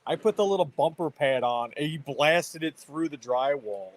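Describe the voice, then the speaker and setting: A man in his thirties hosting a casual chat, telling parenting stories in an animated way. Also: on the high side, normal speed. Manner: animated storytelling with laughs. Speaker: host.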